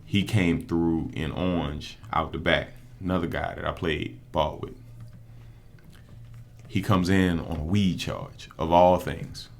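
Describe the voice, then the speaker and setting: A man's voice: low-pitched, steady tone, takes it slowly, creaky, a little hiss or hum. A man, a prosecutor telling stories in a laid-back way with street slang on a casual podcast. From New Orleans. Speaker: prosecutor and judge candidate.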